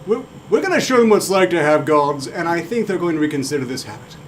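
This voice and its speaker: A man's voice: a little high, very animated, fast talker, a little hiss or hum. A man chatting in character in fantasy improv, blunt, swaggering and crude.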